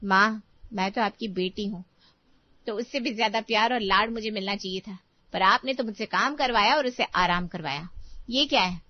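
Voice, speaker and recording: A woman's voice: medium pitch, normal speed, highs cut off, lightly acted. A woman voicing a sulky young adult daughter who reproaches her mother. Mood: reproachful.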